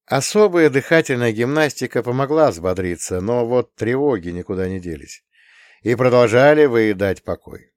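A man narrating an audiobook with expressive storytelling. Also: medium pitch, normal speed, no room sound, clean studio sound.

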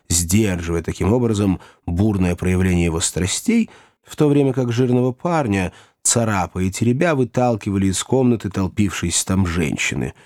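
A man narrating a classic novel as an audiobook in an expressive, animated way. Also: fairly low pitch, no room sound, clean studio sound.

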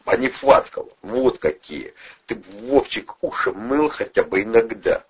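A blunt ex-boxer thug barking rough slang and threats, his voice swinging up and down, as a male reader plays him. It sounds husky and dull on a lo-fi audiobook recording. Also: on the low side, big pitch swings, normal speed. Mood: mocking.

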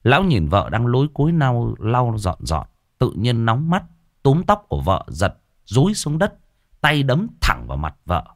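A man narrating a ghost story in a dramatic, expressive storytelling manner. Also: mid-range voice, moderate pace, no room sound, clean studio sound.

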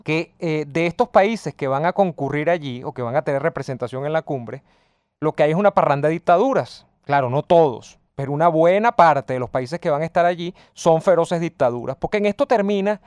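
A man's voice: fairly high pitch, animated, a little fast, darkish tone, clear, resonant tone, no echo. A man co-hosting a radio talk show, reading listener messages and giving political commentary that builds in emphasis. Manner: reads listener messages, then argues at length with rising emphasis. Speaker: radio co-host.

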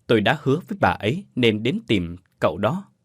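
A man voicing a sorrowful, calm older woman in a storybook ghost tale, speaking slowly and solemnly. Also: on the low side, breathy edge, no echo, studio quality. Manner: slow, solemn, measured.

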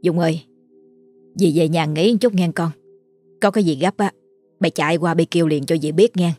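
A woman's voice: lowish voice, normal speed, dark tone, faint music behind, lightly acted. A woman voicing an older village woman, a worried, chattering neighbor. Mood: tired.

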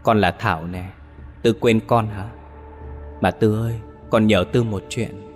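Ghost of a murdered young woman in a horror story, soft and coaxing, read by a deep-voiced man. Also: fairly even intonation, unhurried, faint music behind, close to an everyday voice.

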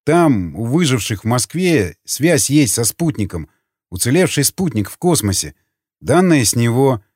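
A man's voice: medium pitch, big pitch swings, unhurried, darkish tone, slightly rough, dry recording, studio quality. A man voicing a determined male prisoner who answers an interrogation in a terse, guarded way.

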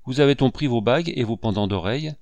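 A man reading aloud, voicing a smooth, sly male gendarme captain who answers calmly and curtly. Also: medium pitch, fast, no room sound, highs cut off, lightly acted.

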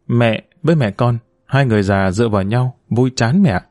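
A man reading the lines of a gentle, devoted young woman who speaks softly but is quick to protest. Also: medium pitch, no room sound, studio quality, close to an everyday voice. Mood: earnest. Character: gentle, devoted young former daughter-in-law.

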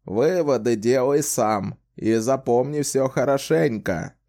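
A man voicing a sly, wry old male wizard who talks in a slow, theatrical, teasing way in an audiobook. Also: mid-range voice, mellow. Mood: lecturing. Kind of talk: audiobook character voice.

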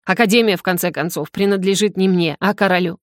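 A woman's voice: lowish voice, steady tone, fast talker, no echo, close to an everyday voice. Grumpy hungover male rector, stern and scolding, dry close audio; woman reader.

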